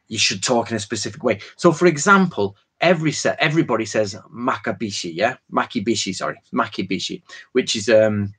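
A man's voice: medium pitch, a bit bright, slightly rough. Chatty man in his forties. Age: 40s. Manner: rambling, chatty, jumps between tangents; informal slang and frequent fillers. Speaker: host of a live Q&A stream. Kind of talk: casual live-stream Q&A lecture.

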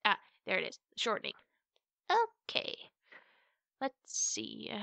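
Playing a playful, doting older sister for an ASMR roleplay, a woman teases the listener with stretched-out words and quiet asides, sounding busy and absorbed. She speaks at a medium pitch with vocal fry, and there is no echo.

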